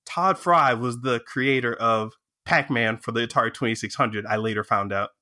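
A man telling a story in a casual interview, animated and excited, acting out the voices of people in it. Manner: animated, acts out quoted dialogue with jumps in pitch; excited, fast bursts of speech. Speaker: guest.

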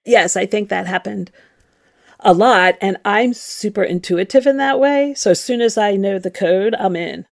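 A woman's voice: medium pitch, normal speed, vocal fry. A middle-aged woman, a former nun, telling her story frankly and reflectively in an interview.

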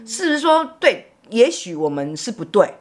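A middle-aged woman, co-hosting a casual podcast chat as a mother and telling rambling, animated stories. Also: a little high. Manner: animated storyteller, fast and rambling.

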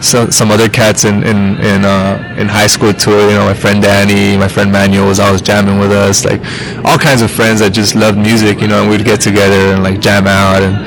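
A musician in his thirties, appearing as a podcast guest, rambles casually through an interview chat full of fillers and restarts. His voice is fairly low and level, a little fast, with hardly any pauses. The recording quality is rough.

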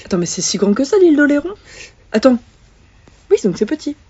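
A woman's voice: sits high, very animated, a little fast, mellow, breathy edge, highs cut off. A woman co-hosting a podcast, reacting playfully in casual chat. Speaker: podcast co-host.

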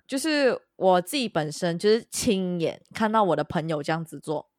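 A woman's voice: lowish voice, expressive, normal speed, no echo, clean studio sound. A woman co-hosting a casual chat, telling a long story and dropping English words into her speech. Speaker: podcast co-host.

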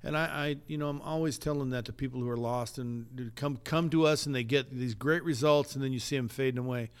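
A man with a smooth, clear voice, mid-pitched and unhurried in feeling. He talks earnestly and reflectively about faith in casual podcast chat, often stopping to restart a phrase. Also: fairly even intonation. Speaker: co-host.

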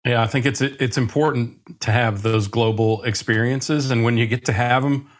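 A man's voice: medium pitch, fairly even intonation, normal speed. A man co-hosting a talk show, easygoing and joking in casual conversation. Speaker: podcast co-host. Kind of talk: casual interview chat.

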